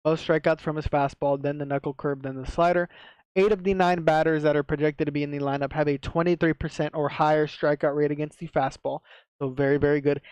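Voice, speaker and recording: Male sports tipster, slight retainer lisp, clean and smooth tone, very even pitch, casual and slangy. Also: dry recording, poor audio. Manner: slangy, swearing, repeats himself for emphasis. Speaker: sports betting tipster, video host. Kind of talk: casual sports betting commentary to viewers.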